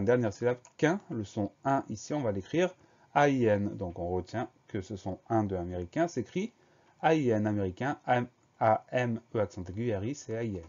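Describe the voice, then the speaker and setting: A man's voice: on the low side, mellow, lo-fi sound. A man teaching a spelling lesson, carefully spelling out words letter by letter.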